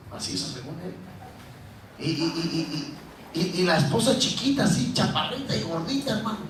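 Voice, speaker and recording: A middle-aged man preaching a sermon as pastor, telling stories in an animated way and acting out pleading voices. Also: a little high, background noise. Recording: roomy echo from a distance.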